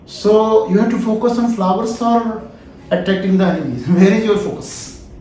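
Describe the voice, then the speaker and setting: A founder with an Indian English accent lectures at his farming seminar in a high, warm voice at normal speed. He's far from the mic in an echoey room with a little hiss or hum, repeatedly putting "yes or no?" to the audience and going over his points again.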